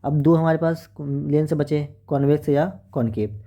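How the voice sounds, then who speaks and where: A man's voice: on the high side, normal speed, warm tone. A man teaching an exam-prep lesson, working through questions in a chatty, coaxing way and often checking with the class.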